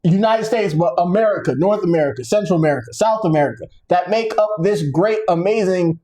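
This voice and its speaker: A man co-hosting a podcast in casual chat, ranting in an animated, sarcastic way. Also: sits high, brisk. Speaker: podcast co-host.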